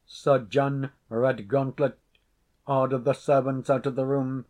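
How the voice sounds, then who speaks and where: A man reading an old story aloud at a middle pitch. He lets the sentences unroll slowly and deliberately, stretching the phrases for effect. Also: flat delivery, darkish tone. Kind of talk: dramatic reading of a classic tale.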